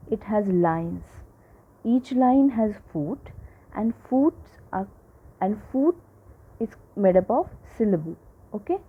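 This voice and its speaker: A woman teaching a lesson to children, slowly repeating each example and checking in with her listeners. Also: mid-range voice, husky. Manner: slow, repeats examples, checks in with "right?" and "okay?". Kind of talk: classroom lecture. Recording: tinny phone-like audio.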